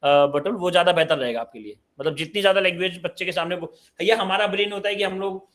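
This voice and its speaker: Hosting a live parenting session online, this Uttar Pradesh man in his late twenties speaks quickly in a fairly bright tone that sits a bit high for a male voice. He voices each viewer's question first, then responds casually and conversationally.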